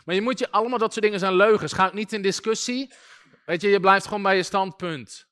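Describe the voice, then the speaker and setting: A man preaching in a casual, storytelling way, with a bright, forceful tone and a somewhat high voice. He keeps things lively and funny, full of little asides as he teaches his listeners. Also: fast talker, smooth. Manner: lively and humorous, often chuckling and using fillers like "weet je". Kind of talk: informal sermon with anecdotes.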